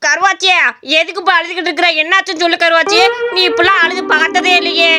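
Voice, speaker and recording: A woman voicing a bossy, loudmouthed village man in a cartoon story, shouting challenges. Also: extremely high pitch, flat delivery, fast. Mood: blustering. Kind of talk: Tamil cartoon story voice acting.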